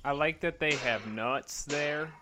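A man's voice: a little high, slow pace, background noise. An American man co-hosting a podcast with casual, comedic riffing. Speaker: podcast co-host.

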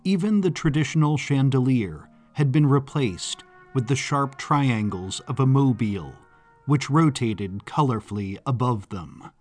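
A man giving a scripted audiobook narration in a measured, expressive storytelling manner. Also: medium pitch, soft background music. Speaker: narrator and author.

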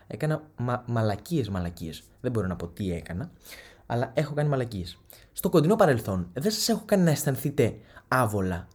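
A young man hosting a podcast, telling profane, animated comic stories and mimicking his relatives. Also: mid-range voice, breathy edge. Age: young adult. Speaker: podcast host. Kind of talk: comedic storytelling monologue.

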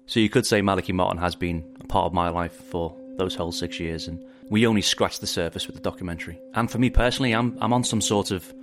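Deep-voiced Liverpool man narrating a podcast. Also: steady tone, fast talker, few pauses, faint music behind. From England. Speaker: podcast host, film director.

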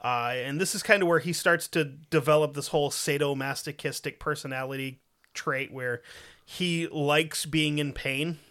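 A man's voice: on the high side, fairly even intonation, moderate pace, pushed and bright. A man hosting a podcast, telling a true crime story in a crude, profane, joking way. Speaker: podcast host.

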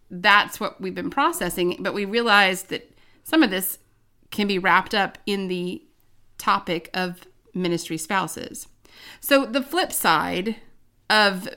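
A woman's voice: fairly low pitch, sharp tone. A woman, a pastor, co-hosting a casual podcast chat with her husband, speaking candidly and laughing easily.

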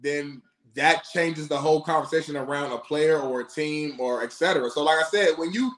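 A man's voice: a little high, brisk, a bit bright. A man co-hosting casual sports talk, making emphatic points with rhetorical questions in an echoing, roomy recording. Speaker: sports talk show co-host.

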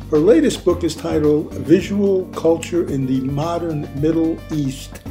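A man in his eighties hosting and moderating a video-call panel with slow, measured introductions. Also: a little high. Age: 80s. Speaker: host.

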